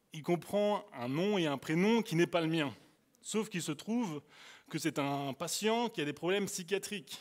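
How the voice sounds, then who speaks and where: A young man with an Alsatian accent preaches to a youth crowd, spinning a story with lots of animation. His voice sits somewhat high for a man. He swings from loud, excited bursts to hushed, confiding asides. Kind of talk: storytelling sermon.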